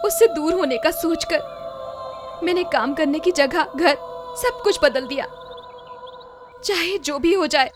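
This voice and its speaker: An actress dubbing a grieving young woman in a film, confiding her sorrow. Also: very high voice. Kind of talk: Hindi film dub acting.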